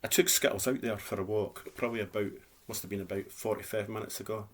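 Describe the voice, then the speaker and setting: Speaking at a quick pace in a steady tone, a man with a lowish voice chats as a vlogger. In his fifties and from Scotland, he has a Dundee accent and a speech impediment turning r into w, and his plain, casual talk rambles and repeats.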